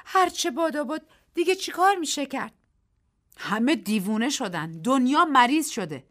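Woman reading as a frightened, agitated young woman. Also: animated. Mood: despairing. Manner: high-pitched and agitated, rising to cries. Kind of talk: dramatic radio story reading.

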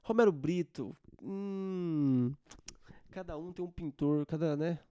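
A man's voice: fairly high pitch, slow pace, warm tone, smooth, no echo, muffled recording. A young man hosting a solo podcast, ranting in an informal, slangy and sarcastic way into a close mic. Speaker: podcast host. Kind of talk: casual solo podcast rant.

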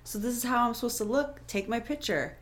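Young woman, podcast co-host, chatty, animated storytelling. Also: on the high side, brisk. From Florida. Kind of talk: casual chat.

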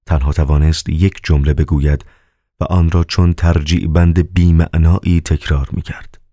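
A man narrating a novel as an audiobook in a measured, calm way. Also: extremely low pitch, dry recording, studio quality.

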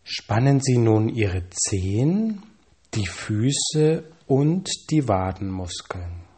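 A man calmly reading scripted guided relaxation instructions, with measured pauses and slow counting. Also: on the low side, slightly rough.

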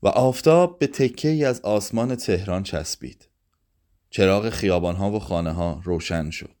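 A man reading a literary short story aloud in a measured, expressive way. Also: low voice.

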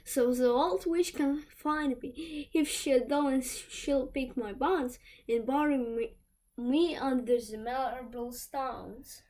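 A woman doing a small, breathy, frightened girl. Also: sits high, slow, darkish tone, pitched above the performer's own voice, rough recording. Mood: pleading. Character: frightened little girl fleeing a witch.

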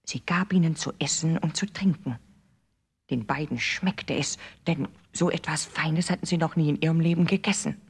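A woman narrating a fairy tale in a measured, expressive storybook reading. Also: deep voice, breathy edge.

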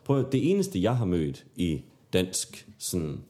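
Low, mellow Danish man chatting candidly. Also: huge pitch swings. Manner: informal, candid, rambling, sweary. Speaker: podcast co-host. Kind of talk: casual podcast chat.

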